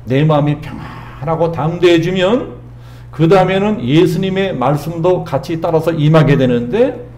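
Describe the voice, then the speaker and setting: A man's voice: a little high, normal speed, a little mellow, echoey room. A middle-aged man preaching a sermon as pastor, emphatic and repetitive, raising his voice when he quotes.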